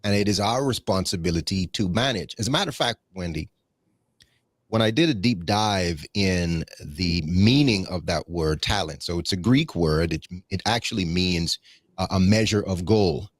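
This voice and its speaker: In a casual conversational interview, a deep-voiced Bahamian guest talks at a moderate pace, rambling reflectively with lots of fillers and restarts. He tends to preach and quote scripture, and the recording is dry.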